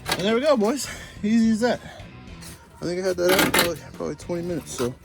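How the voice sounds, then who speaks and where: A man's voice: high-pitched, animated, fast. Slangy laid-back man, guitar music behind. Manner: laid-back and slangy, calls viewers "boys"; talks while working with his hands. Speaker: DIY truck repair vlogger. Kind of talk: casual how-to walkthrough. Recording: clear guitar music under voice.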